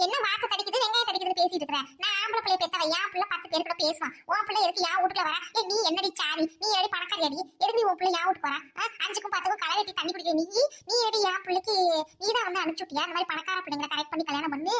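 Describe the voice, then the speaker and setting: A furious rich village mother shrieks insults in a fast, piercing voice, played by a woman. She scolds without pause in a domestic audio drama. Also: very high-pitched, noisy background. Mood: scornful. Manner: shouting insults, scolding hard.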